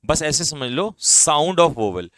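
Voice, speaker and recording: An Indian-accented English teacher gives an online exam-prep grammar lesson, extremely slow yet very animated, with his fairly bright voice rising and falling widely. He explains step by step, code-mixes, asks and answers his own questions, calls students "brother" and drops his voice at the end of each list of examples. The sound is dry and close with no room sound.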